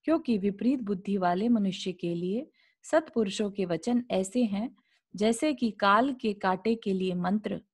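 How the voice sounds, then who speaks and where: Over a video call, a woman leads a scripture class, reading an ancient religious text aloud before explaining it plainly and posing rhetorical questions to her students. Her medium-pitched voice is unhurried and slightly rough.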